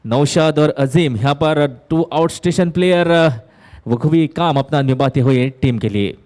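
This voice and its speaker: A man with a fairly high-pitched voice calls a cricket match ball by ball. He works in measured phrases with pauses between them, lifting his delivery at key moments of play. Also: a little mellow. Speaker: cricket commentator. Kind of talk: live ball-by-ball cricket commentary.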